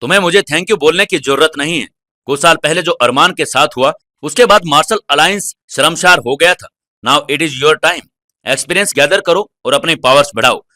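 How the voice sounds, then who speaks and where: A commanding male martial arts alliance president, as a narrator voices him in an audio story, speaking firmly and reassuringly. The voice is bright and clear, recorded dry and close. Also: a little high, moderate pace, no echo. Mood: assured.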